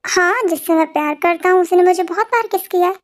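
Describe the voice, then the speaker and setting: A patient young husband with a soft, coaxing way of talking, as a woman puts him on in a homemade fan dub. The voice stays very high for a man, and it is kept low and gentle. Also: a little slow. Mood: tender teasing. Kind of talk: amateur Hindi fan dub.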